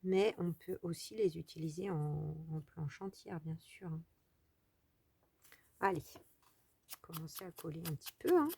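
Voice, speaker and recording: A woman with a French accent hosts a casual crafting tutorial. Her voice sits a little low and has a gravelly edge. She chats and thinks aloud as she works, with trailing fillers. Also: lively intonation, measured pace, pauses often, mellow. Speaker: crafting video host.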